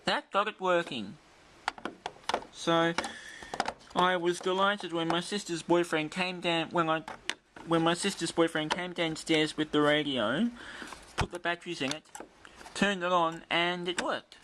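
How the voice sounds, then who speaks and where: This man's voice sits on the high side, steady and unhurried, with long pauses and background noise. Presenting a vintage radio demonstration video indoors in a bright room, he does an unscripted show-and-tell, explaining everything carefully and in detail.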